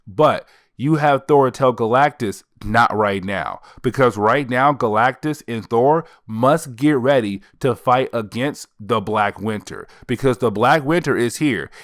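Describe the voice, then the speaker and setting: A man's voice: medium pitch, no echo, studio quality. A man hosting a comic book channel, retelling a story in a loose, conversational way. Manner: conversational, retells dialogue loosely in plain speech. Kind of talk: casual comic story recap.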